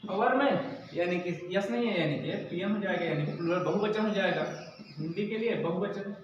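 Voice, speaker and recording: High-voiced man teaching in an echoey room. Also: moderate pace, a little hiss or hum. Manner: explains step by step, asks and answers his own questions. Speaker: English teacher. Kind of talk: classroom lecture. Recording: echoey dull room sound from a distance.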